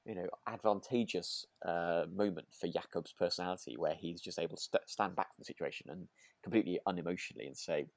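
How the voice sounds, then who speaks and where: A low-voiced man co-hosts a podcast in a casual, fast way, reviewing a drama while he rambles, hesitates, and restarts his sentences to correct himself. The recording is dry, with no room sound.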